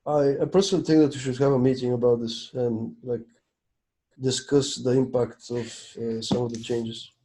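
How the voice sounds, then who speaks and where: A man's voice: mid-range voice, flat delivery, moderate pace, mellow, husky. A man talking casually on a video call during a technical meeting, thinking aloud as he checks documents. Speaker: project maintainer in a video meeting.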